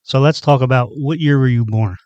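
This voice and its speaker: A man's voice: mid-range voice, brisk, a little mellow, dry recording, lo-fi sound. A man hosting a podcast, asking plain questions and giving short agreeing replies in a casual interview. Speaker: podcast host.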